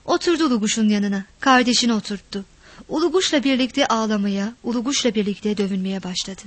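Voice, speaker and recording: A woman reading a village story aloud in a measured, expressive narration. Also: mid-range voice, no echo.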